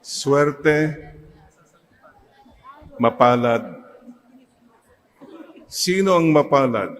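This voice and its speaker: Slow-talking Filipino priest preaching. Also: male voice, mid-range voice, animated, rough recording. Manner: mixes Tagalog and English, leads the congregation in call-and-response. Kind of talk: sermon. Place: church.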